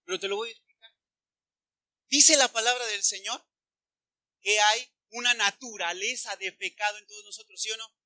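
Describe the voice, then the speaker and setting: High-voiced pastor preaching. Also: male voice, normal speed, pauses often, no echo. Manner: animated, questions the congregation directly. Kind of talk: sermon. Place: church.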